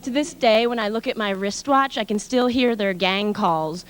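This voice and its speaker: A woman's voice: mid-range voice, normal speed, clean tone. A woman doing a stand-up routine at an audition, telling a playful, ironic story.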